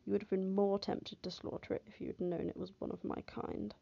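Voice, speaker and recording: A wrathful male fairy beast with a stern, clipped way of making threats, as a woman reads him in an audiobook. The voice is gravelly and dark, and the recording is dull and lo-fi. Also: mid-range voice, level tone, fairly quick. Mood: menacing. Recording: dull lo-fi, dry.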